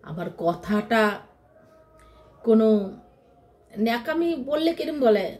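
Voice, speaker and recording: A woman's voice: on the high side, sing-song, slow pace, a little mellow. A woman vlogger chatting casually to her followers from home, rambling and repeating herself, often mimicking how other people talk.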